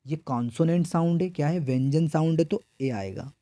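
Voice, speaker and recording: A man's voice: on the high side, moderate pace, dark tone, dry recording. Dry, close Indian man teaching exam grammar. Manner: repetitive call-and-response questioning. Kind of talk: exam prep lesson.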